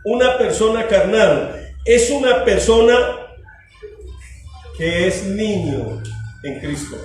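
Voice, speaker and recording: A pastor preaches to his congregation in a fairly high voice, asking questions and acting out little scenes. He speaks slowly and deliberately. He is heard from a distance in a very echoey church hall, with music playing behind him. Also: animated, a little mellow. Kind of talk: sermon.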